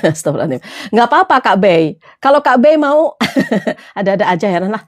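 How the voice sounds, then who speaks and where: A woman's voice: medium pitch, sing-song, moderate pace. A woman motivational trainer, chatting casually with followers, laughing often and answering their comments.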